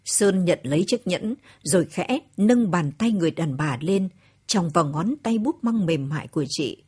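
Husky woman reading a story. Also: lowish voice, lively intonation, normal speed, a little mellow. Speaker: narrator.

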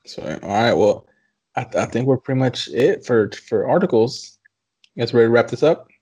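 A man hosting a casual podcast chat at an even, middle pitch. He sounds laid-back as he steers the talk and signs off, and the recording is close and dry with no room sound. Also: a little fast, husky, dry recording, muffled recording. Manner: relaxed, wraps up the show. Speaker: podcast host.

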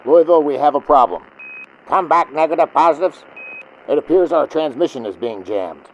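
A man's voice: on the high side, animated, moderate pace, slight background noise. A man playing astronauts and mission control trading clipped calls over a breaking-up space radio transmission. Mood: urgent. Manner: clipped radio call-and-response. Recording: dull lo-fi radio sound with music behind.

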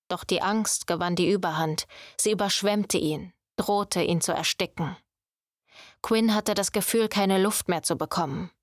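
A woman narrates a fantasy novel with measured, even storytelling. Her mid-range voice is recorded close on a studio mic, with a dry, roomless sound. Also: mid-range voice, no room sound. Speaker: audiobook narrator. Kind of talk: scripted narration.

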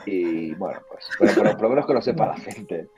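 A man's voice: fairly low pitch, expressive, fairly quick, a little mellow. A man chatting casually in a group, emphatic and colloquial, often repeating himself. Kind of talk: casual group chat about a TV series. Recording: muffled sound, music underneath.

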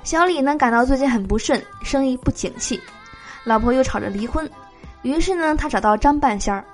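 A woman podcast host reading out jokes in a lively way, laughing between them. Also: sits high, a little fast, faint music behind.

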